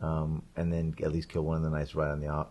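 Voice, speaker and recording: Low-voiced male podcast co-host, rambling animated storyteller, casual. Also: fast, muffled recording. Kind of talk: casual chat.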